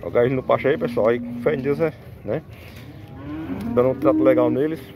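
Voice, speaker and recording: Speaking fairly quickly at a medium pitch, a farmer from Northeast Brazil gives a casual vlog tour of an outdoor cattle market, filmed on a handheld phone. He's chatty and keeps adding "né" and "pessoal" as tags. Cattle and vehicles are audible outdoors.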